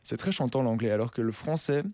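With no room sound around him, a young male musician guest speaks fast in a mid-range voice. He's laid-back and slangy in this interview chat, leaning on many fillers and often restarting his sentences.

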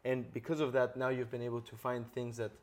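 A man hosts a podcast interview, explaining ideas earnestly and checking in often with tag questions. His mid-range voice has a flat delivery and a brisk pace.

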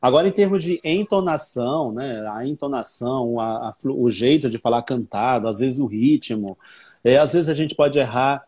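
A man's voice: medium pitch, moderate pace, a little mellow, husky. A man from Brazil, a guest English teacher, explaining patiently with many examples. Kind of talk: explanatory conversation.

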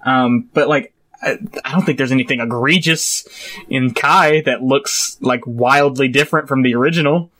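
A young man co-hosting a casual podcast, animated and chatty, laughing often and leaning on filler words. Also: mid-range voice, moderate pace. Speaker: podcast co-host.

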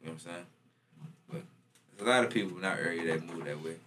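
A man talks quickly in casual, slangy frat-bro banter. He swears freely and repeats phrases to drive a point home, with noticeable background noise and clicks. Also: low voice. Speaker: podcast co-host.

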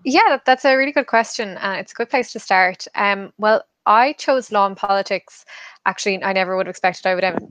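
Young irish woman, west of ireland kerry accent, chatty podcast guest, clear smooth voice, dry sound. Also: mid-range voice, fairly bright tone, dry recording. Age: young adult. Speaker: podcast guest, law firm associate. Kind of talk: casual interview answers.

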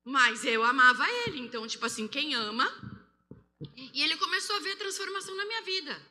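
A Brazilian woman giving an animated testimony sermon on a handheld mic, acting out voices as she tells it. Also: high-pitched, fairly quick. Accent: Brazilian Portuguese. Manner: animated, acts out quoted voices. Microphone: handheld microphone. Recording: long hall reverb.

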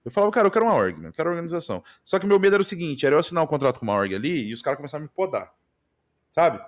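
Racing along in a slightly high voice, a Brazilian-accented streamer chats casually on a podcast about what he does on stream. He's energetic and slangy, returning again and again to "mano" and "velho."

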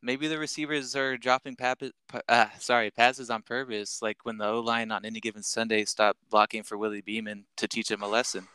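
A man's voice: medium pitch, fairly even intonation, a little fast, few pauses, pushed and bright, clean tone, no room sound. A man co-hosting a casual sports podcast, cracking wry jokes. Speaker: podcast co-host.

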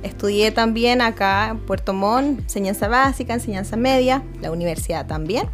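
A woman's voice: medium pitch, normal speed, faint music behind. Friendly woman in her thirties. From Chile. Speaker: academic director, guest. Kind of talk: casual podcast interview.

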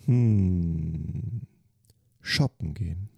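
A man's voice: low-pitched, very slow, vocal fry, breathy edge, dry recording, highs cut off. A man, a dance teacher from Germany, giving short, matter-of-fact answers in an interview. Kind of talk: quick-fire interview answers.

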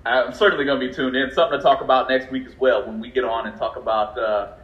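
A man from California co-hosting a racing livestream, excitable and chatty, laughing often as he talks. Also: mid-range voice, fast. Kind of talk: casual livestream chat. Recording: roomy, dull lo-fi sound.

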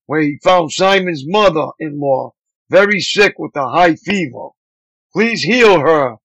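A male pastor reading scripture aloud at a steady, measured pace. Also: a little high, no room sound, low-quality recording.

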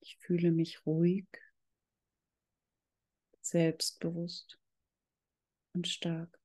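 A yoga instructor guiding a meditation in calm, measured, drawn-out phrases. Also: medium pitch, low-quality recording. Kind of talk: slow guided yoga meditation.

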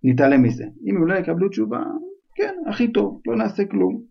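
A blustering, bad-tempered middle-aged uncle from a storybook reading barks orders in a gruff, gravelly, husky voice, as a man puts him on. The sound is dull and lo-fi. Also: high voice, animated, voice pushed up, heavily acted. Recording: dull lo-fi recording.

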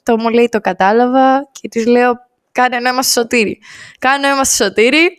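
A woman guest on a podcast, telling a story in casual chat and acting out the quoted lines with lively energy. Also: a little high, smooth.

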